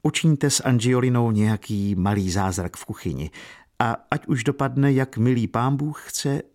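A man voicing a gentle, composed young noblewoman in a read-aloud novel, speaking softly and graciously. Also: medium pitch, lively intonation, close to an everyday voice. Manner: soft, gracious.

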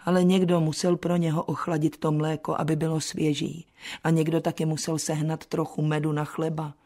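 An actress playing a put-upon old spinster housekeeper who grumbles dryly in a chatty radio play. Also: female voice, low-pitched, level tone. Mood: worried. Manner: dry, chatty complaining with soft asides.

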